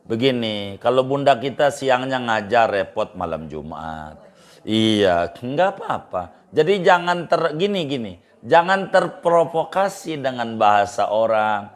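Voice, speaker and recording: Middle-aged male cleric, chatty advice talk, repeats himself for emphasis, mid-range voice. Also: a little slow. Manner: colloquial, repeats phrases for emphasis, lively pitch jumps. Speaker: Islamic cleric. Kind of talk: informal religious advice talk.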